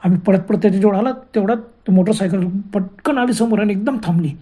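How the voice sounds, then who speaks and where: A man narrating a first-person horror story in a dramatic, breathless way, with sudden loud cries. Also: high-pitched, fairly quick.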